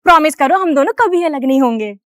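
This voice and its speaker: Young woman skit performer, very high voice, quick and bossy delivery. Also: animated, no room sound, clean studio sound. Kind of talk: comedy skit acting.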